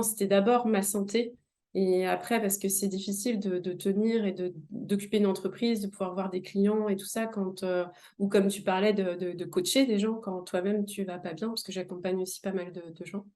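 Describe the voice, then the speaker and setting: A woman's voice: mid-range voice, fairly even intonation, a little fast, warm tone. A young woman hosting an interview, asking questions in a hesitant, casual way with many fillers. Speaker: interview host.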